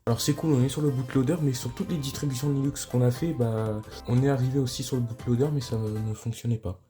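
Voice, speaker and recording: A man's voice: mid-range voice, steady tone, fast, mellow. Laid-back French guy vlogging over music. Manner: laid-back, frequent hesitations, mild swearing. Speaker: tech YouTuber. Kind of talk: casual tech vlog narration. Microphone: cheap microphone.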